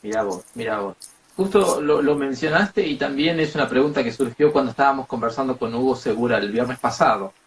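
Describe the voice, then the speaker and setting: A man's voice: mid-range voice, brisk. A man hosting an interview, asking short questions and offering brief affirming interjections. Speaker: host. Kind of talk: interview conversation.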